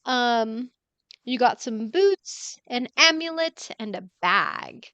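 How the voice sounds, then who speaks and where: A woman narrating as dungeon master on a tabletop game stream, halting with fillers and frequent laughs. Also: on the high side, expressive, pushed and bright, smooth, dry recording.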